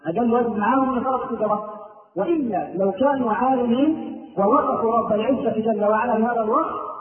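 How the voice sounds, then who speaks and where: A sheikh with an Egyptian Arabic accent gives a religious lesson on the rules of prayer, explaining step by step and often singing out the phrases he corrects. His voice is very high-pitched and fast, with a bit of hiss or hum, and the recording sounds echoey, distant, and tinny like a phone.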